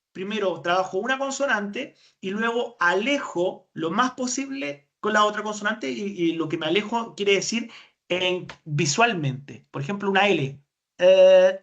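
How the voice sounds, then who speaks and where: A woman with a Chilean accent presents a webinar lecture as a speech therapist. She explains methods step by step. She often puts a question to her listeners and answers it herself. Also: mid-range voice. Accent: Chilean Spanish.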